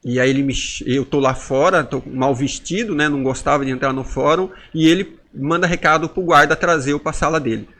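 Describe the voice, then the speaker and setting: A man in his forties recounts a turning point in his life with raw intensity. His gravelly voice sits a little high, and he voices the inner dialogues as he goes. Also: a little fast, hardly any pauses, fairly bright tone. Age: 40s. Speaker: podcast guest. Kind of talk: emotional personal testimony.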